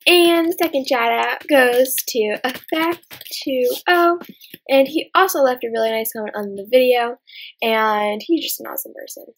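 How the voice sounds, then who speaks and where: A woman hosting a Minecraft channel, chatting casually through co-op gameplay and shout-outs, giggly and hesitant, full of "um" and "like". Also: high voice, normal speed. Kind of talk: casual gameplay chat and video outro.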